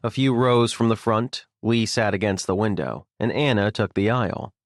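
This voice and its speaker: A man's voice: fairly low pitch, moderate pace, no echo. A man narrating an audiobook in the first person with a wry, sardonic delivery, recorded on a close studio mic.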